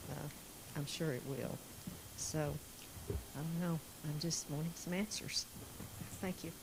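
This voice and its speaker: Woman, creaky lowish voice, hesitant plain public comment, faint room noise. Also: fairly even intonation, a little slow. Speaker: resident giving public comment. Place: indoor public meeting room.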